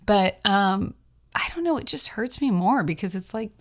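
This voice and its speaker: A woman's voice: mid-range voice, lively intonation, moderate pace. A young adult woman hosting her own podcast, telling personal stories in a chatty, rambling way with frequent laughs. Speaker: podcast host, writer. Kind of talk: casual personal monologue.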